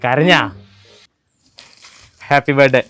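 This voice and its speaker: A man's voice: medium pitch, fairly bright tone, no echo, faint music behind. A young man, teasing his family playfully during a birthday surprise video. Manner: teasing, playful, quick-talking. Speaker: prankster video host.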